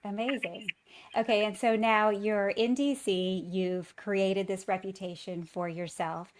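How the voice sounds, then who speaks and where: A woman hosting a podcast interview, warmly enthusiastic and affirming toward her guests. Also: medium pitch, steady tone, a little slow, a little hiss or hum. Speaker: podcast host.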